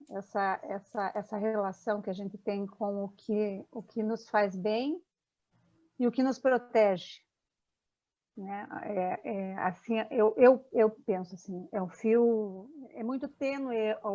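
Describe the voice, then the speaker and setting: A woman's voice: mid-range voice, darkish tone. Hesitant woman with muffled audio. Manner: hesitant, many restarts. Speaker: meeting participant. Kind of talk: casual group discussion.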